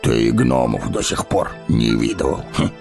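A proud dwarf warrior, played by a man, speaks in a deep, gravelly growl, dragging out his threats. His voice swings widely up and down, and faint music hangs behind this audio drama. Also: big pitch swings, exaggerated voice. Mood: scornful. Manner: slow, threatening, touchy.

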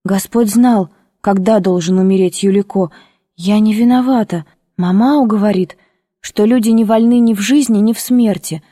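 A woman's voice: mid-range voice, moderate pace, dark tone, dry recording, clean studio sound, close to an everyday voice. A woman voicing a proud, hurt young girl who speaks earnestly and tearfully.

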